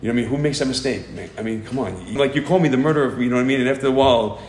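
A middle-aged man, a grieving father, recounting events in an interview, rushing and agitated, acting out what others said. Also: mid-range voice, a little mellow. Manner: fast, agitated storytelling, acting out quotes. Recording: roomy recording with faint background ambience.

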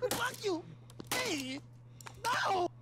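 Loud teasing man with a high voice. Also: noisy background. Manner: loud, teasing, laughs often. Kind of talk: comedy street prank.

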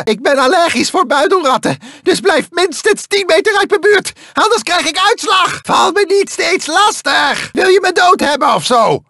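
An actor playing a manic, shrill male mad scientist in a video game, whining and yelping in pain. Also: gravelly, pushed and bright, no room sound, full character voice. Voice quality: shrill, crazed and whiny. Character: manic high-pitched male mad scientist with a rocket in his head. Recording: dry studio recording.

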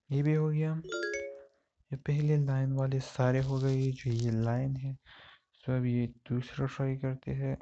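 Man, casual gameplay commentary, slow delivery, mellow tone, dull lo-fi audio. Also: on the high side. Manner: chatty, talks to himself while puzzling. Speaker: gamer.

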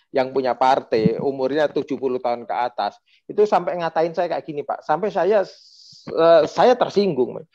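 A man, telling a story with feeling on a panel talk. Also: on the high side. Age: 40s. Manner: emotional, animated storytelling with acted quotes. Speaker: panel speaker, former regent. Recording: dull lo-fi sound.

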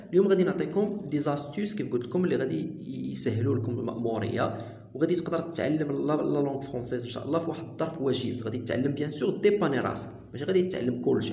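Young man, Moroccan Arabic accent, French teacher, rapid delivery, echoey room. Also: a little high, gravelly, mellow. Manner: repeats French phrases slowly, then translates them; checks understanding with repeated questions. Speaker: French teacher, channel host. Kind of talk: casual teaching video.

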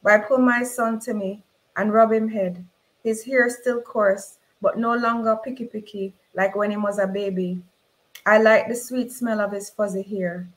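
A woman author, reading her own novel aloud in a slow, measured way. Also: mid-range voice, fairly even intonation, low-quality recording.

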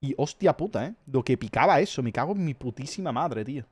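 A man's voice: medium pitch, lively intonation, fast talker, slightly rough. A man with an accent from Spain, chatting casually as a streamer, telling rambling stories full of swearing. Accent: Spanish from Spain. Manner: profane, rambling storyteller. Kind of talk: casual chat.

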